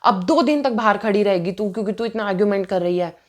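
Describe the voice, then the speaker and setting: A woman's voice: medium pitch, quick pace, lightly acted. A woman voicing a bossy, scolding male schoolteacher in a stern, lecturing tone while retelling a story.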